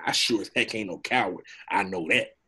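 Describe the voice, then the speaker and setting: A man voicing a talkative, cowardly donkey in a read of an animated film script, with a husky voice and a jittery, rambling, wheedling manner. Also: lowish voice, a little fast. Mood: nervous babbling.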